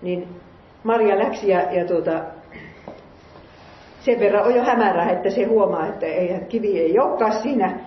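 A woman's voice: mid-range voice, pauses often, a little hiss or hum. A woman reading scripture aloud and musing on it in an earnest sermon, asking her listeners questions. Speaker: lay preacher. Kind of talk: Bible reading with sermon commentary. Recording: roomy, muffled recording.

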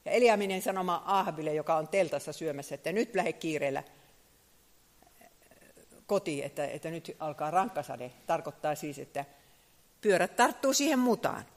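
A man preaching a sermon, telling the story in a lively way, his voice swelling loud and then dropping low. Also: in a large hall.

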